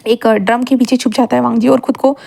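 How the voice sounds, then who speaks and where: A woman's voice: fairly high pitch, steady tone, fast, vocal fry, a little mellow. A woman retelling a fan fiction story in a rambling way, repeating linking phrases.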